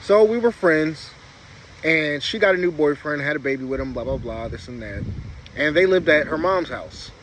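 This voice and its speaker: A slightly high-voiced man chats casually to his viewers over noticeable background noise with vehicle sounds. His speech is a little muffled, as from a lip full of dip, and he tells his stories in a loose, rambling, informal way. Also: animated, moderate pace, a bit bright. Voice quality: slightly muffled articulation from a lip packed with chewing tobacco. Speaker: vlogger. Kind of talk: casual storytelling chat to camera.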